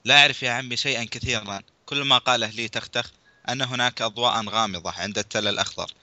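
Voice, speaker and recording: A man's voice: medium pitch, racing, sharp tone, muffled recording, pitched above the performer's own voice. A man reading aloud a children's mystery, voicing a nervous, flustered boy answering his uncle. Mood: pleading. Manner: flustered, pleading. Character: nervous young boy nephew.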